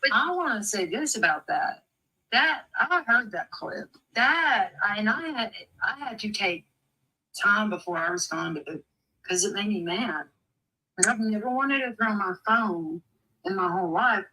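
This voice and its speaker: A woman's voice: medium pitch, lively intonation, unhurried, pushed and bright, far from the mic, low-quality recording. A woman in casual chat, speaking emphatically and retelling her own reactions.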